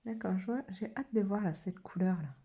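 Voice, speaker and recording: A woman's voice: mid-range voice, brisk, mellow. A French woman hosting a watercolour channel, chatting casually with many fillers as she paints color swatches. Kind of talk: casual art demo narration.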